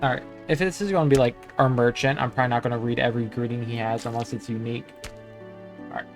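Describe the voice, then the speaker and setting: Give me a man casually narrating gameplay over loud game music. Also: mid-range voice, steady tone, fast talker. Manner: reads game text aloud, thinks aloud casually. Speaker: gamer.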